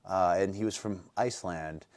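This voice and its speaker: Brief: young musician guest in his twenties, from North Dakota, deep-ish voice, dry close sound, loose rambling storytelling. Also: normal speed, a little mellow, no echo. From North Dakota, USA. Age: 20s. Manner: rambling storyteller, many fillers and restarts. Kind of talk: casual interview chat.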